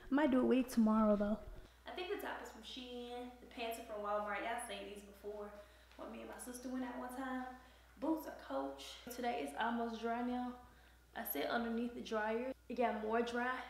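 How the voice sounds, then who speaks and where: A young woman, from Memphis, chatting excitedly to camera while getting ready at home. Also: fairly high pitch, creaky, reverberant. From Memphis, USA. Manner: chatty, excitable, lots of "like" and "y'all". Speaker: lifestyle vlogger. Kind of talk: casual chat to camera. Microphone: camera or phone camera.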